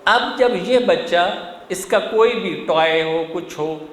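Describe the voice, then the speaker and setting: A man giving a sermon-style parenting lecture, talking animatedly and putting frequent questions to his audience. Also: high voice. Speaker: religious lecturer. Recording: echoey hall with faint room noise.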